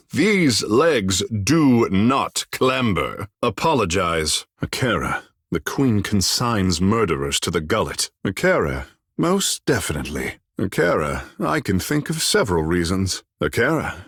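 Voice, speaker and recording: Tekēhu, a vain, wildly expressive sea-godling. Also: male voice, fairly low pitch, measured pace, slightly rough, no echo, studio quality, exaggerated voice. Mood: wry, dramatic. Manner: theatrical, haughty, florid formal phrasing with tag phrases. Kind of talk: video game character dialogue.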